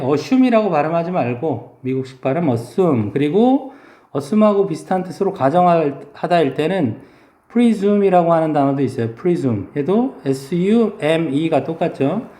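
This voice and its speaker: A male English teacher giving a vocabulary lesson, explaining slowly and drawing out English words to model their pronunciation. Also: fairly high pitch, animated, warm tone, echoey room.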